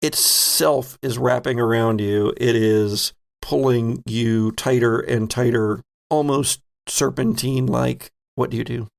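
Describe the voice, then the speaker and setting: A man serves as game master for a tabletop horror game, narrating dramatically in deliberate short phrases broken by pauses. His voice is mid-range and creaky, with a steady tone.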